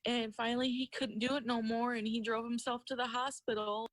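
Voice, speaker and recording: Higher-voiced woman, plain-spoken, dry sound. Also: level tone, a little fast, no room sound. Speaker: news interviewee. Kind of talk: recounting personal experience in an interview.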